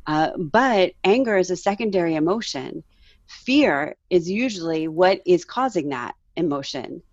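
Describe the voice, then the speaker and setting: Low voice mom in her 40s, earnest emotional storytelling, dry kinda dull sound. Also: animated, measured pace, no echo. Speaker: guest. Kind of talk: candid faith interview.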